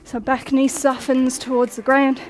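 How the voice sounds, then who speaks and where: Over music, a young woman runs a workout as an upbeat fitness instructor, counting down reps and sometimes running out of breath. Her voice sits high with little pitch movement, and she talks at a normal speed.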